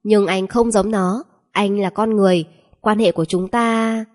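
A strict young woman gives clipped, firm orders, as a woman narrator puts her on. Her voice sits low and mellow with a breathy edge. It sounds like a scene read aloud from a storybook. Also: fairly even intonation, measured pace, natural voice. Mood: stern. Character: stern young woman teaching a shy man.

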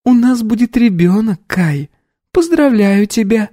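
A man's voice: high voice, animated, unhurried, mellow, no echo, clean studio sound, pitched above the performer's own voice. A man voicing a smug, sardonic young woman in an audiobook, who mocks and needles. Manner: mocking, sardonic.

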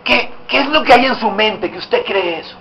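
A man's voice: sits high, animated, normal speed, highs cut off, slight background noise. A male pastor preaching a sermon, exhorting the congregation with direct questions, recorded in a church hall.

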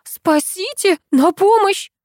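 A woman reading a bossy, sharp-tongued heroine. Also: sits high, animated, normal speed, dry recording, clean studio sound, voice pushed up. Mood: panicked. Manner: sharp, scolding, shouting. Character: bossy feisty young woman, quick to fight. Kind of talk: audiobook dialogue reading.

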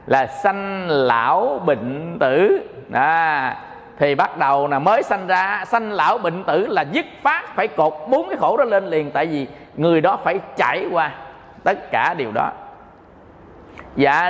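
A man with a high voice and a Southern Vietnamese accent, teaching as a Buddhist monk. He jokes as he preaches and keeps asking if his listeners understand. His voice rings out in a hall with a long reverb. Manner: playful, joking, often checks the audience understands. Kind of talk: dharma talk sermon.

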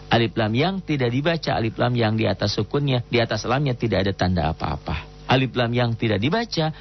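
A man teaching the rules of Quran recitation in a patient lesson, stopping to chant examples slowly and melodically. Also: lowish voice, muffled recording, a little hiss or hum. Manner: explains rules patiently, breaks into slow melodic recitation of Arabic.

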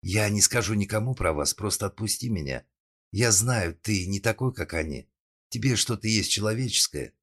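A man's voice: lowish voice, expressive, moderate pace, fairly bright tone, voice pushed up. A man voicing a desperate young woman held at gunpoint, who moves from pleading to raging fury in an audiobook. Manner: pleading, then spitting fury.

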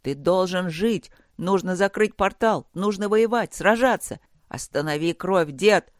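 A desperate young warrior begs in a storybook battle, played by a man. His voice rises a little higher and louder, urgent and pleading. The recording is dry and up close. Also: normal speed, no echo, lightly acted. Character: young male warrior grandson, desperate and fierce.

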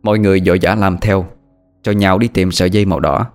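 Low-voiced man telling a ghost story. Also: very fast. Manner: steady, plain storytelling. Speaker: narrator.

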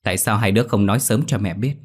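A man's voice: lowish voice, fast, close to an everyday voice. A man voicing a stern, worried elderly mother-in-law with a firm, commanding way of talking, over faint music.

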